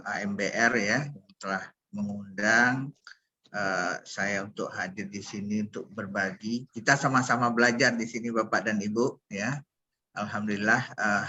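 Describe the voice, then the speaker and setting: A man's voice: fairly low pitch, sharp tone. A man giving an online workshop talk over a video call, hesitant, with frequent fillers. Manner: hesitant, many fillers, addresses audience as Bapak dan Ibu. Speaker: speaker presenting on literature review.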